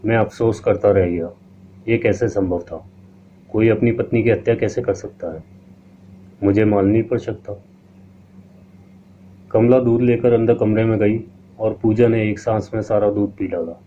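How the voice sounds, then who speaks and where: A man narrating a scripted horror story in a steady storytelling manner. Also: on the low side, unhurried, long pauses. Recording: tinny lo-fi line with faint hiss.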